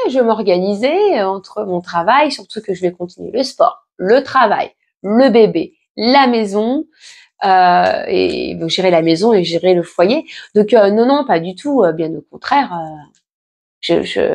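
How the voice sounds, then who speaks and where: This woman's voice sits in the mid range with a slightly mellow quality. She's a pregnant vlogger in her late thirties, casually reassuring her audience as she responds to their questions, often restarting and using filler words.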